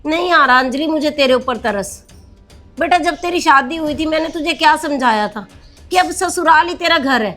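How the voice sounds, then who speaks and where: A woman's voice: sits high, normal speed, sharp tone, faint music behind. A woman playing a stern but caring middle-aged mother in a family drama skit, scolding and then firmly reassuring.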